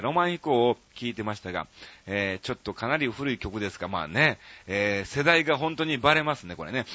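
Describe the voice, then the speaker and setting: A man hosting a radio show, reading listener letters aloud in a casual chat with quick comebacks. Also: mid-range voice, dry recording, muffled recording. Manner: lively, chatty, quick asides and comebacks between letter lines. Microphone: studio microphone.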